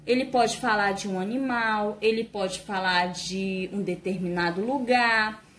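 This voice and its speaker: A woman, a primary school teacher giving a lesson to young children in a slow, sing-song voice, exaggerating her intonation when she reads examples aloud. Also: mid-range voice, a bit bright, slight background noise.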